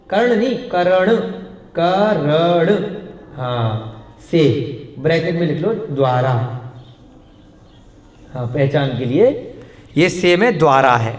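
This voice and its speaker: High-voiced male teacher in a reverberant classroom. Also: fairly bright tone. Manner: drills students with repeated questions and answers. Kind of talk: classroom lesson with questions to students. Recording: long hall reverb.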